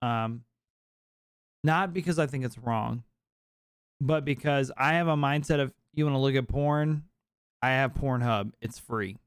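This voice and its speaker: A tired young man hosts a late-night podcast chat, rambling candidly and cursing often. His voice is smooth and crisp, recorded close and dry with no room sound. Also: medium pitch, measured pace, long pauses, no room sound. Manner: rambling, candid, swears freely. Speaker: podcast host.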